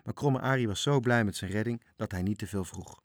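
Low-voiced man reading a storybook. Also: a little fast, no echo, studio quality. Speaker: narrator.

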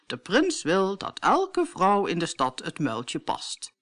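A woman voicing a polite, dutiful male servant in a storybook reading, speaking calmly and formally. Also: lowish voice, slow pace, heavily acted.

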